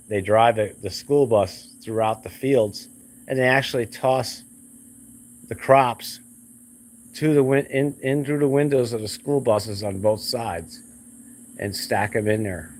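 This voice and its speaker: A man's voice: medium pitch, slow pace, darkish tone. A man talking in a blunt, rambling, repetitive way in a casual vlog rant, recorded outdoors by a road. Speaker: realtor vlogger.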